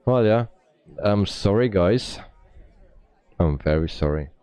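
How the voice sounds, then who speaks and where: Low smooth guy chatting on a game stream, slow and halting, dry close sound. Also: expressive, warm tone, no echo. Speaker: flight simulator streamer. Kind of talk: casual live-stream commentary.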